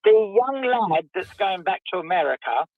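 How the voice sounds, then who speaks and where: His voice sits high and animated at a normal pace as he jokes around on a radio call-in show. The tinny phone line muffles him heavily, as though he were down a well, though there's no echo.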